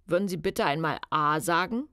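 A woman voicing a boy who pranks with a deep, loud, official male voice on the phone, in a storybook. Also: no echo, clean studio sound. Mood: mock-official. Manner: loud, slow, official-sounding.

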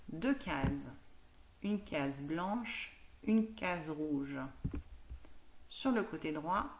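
Slow, patient woman teaching phonics. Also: lowish voice, noisy background. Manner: patient, articulates each word and syllable. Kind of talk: slow, clear phonics lesson for young children.

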